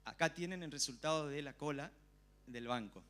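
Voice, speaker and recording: A man with an Argentine accent preaching a church sermon, telling a personal story with lively, acted-out reactions. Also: a little high, moderate pace. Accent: Argentine Spanish. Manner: animated storytelling, acting out his own past reactions.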